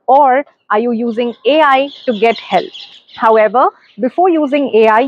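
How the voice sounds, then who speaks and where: Female English coach, steady instructive delivery straight to the viewer, slightly high pitch, muffled lo-fi audio. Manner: calm, instructive, addresses viewers directly. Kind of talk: video lesson to camera.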